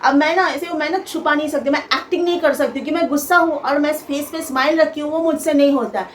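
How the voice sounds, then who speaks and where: A woman's voice: sits high, fast. A woman vlogger telling a personal story in a casual, indignant way, quoting the people involved. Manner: animated and indignant, quoting others. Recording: faint outside noise behind.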